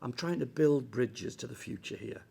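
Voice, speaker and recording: A man's voice: mid-range voice, normal speed, gravelly, darkish tone, slightly rough. An actor playing a boss trying to bribe his team back into trusting him. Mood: wheedling. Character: blustering male boss bribing his team. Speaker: team manager.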